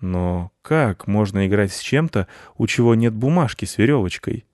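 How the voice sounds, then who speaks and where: A man's voice: fairly low pitch, lively intonation, normal speed, a little mellow, dry recording, clean studio sound, lightly acted. A man voicing a lazy, self-important male house cat who lectures in a storybook reading. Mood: lecturing. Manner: pompous and lecturing.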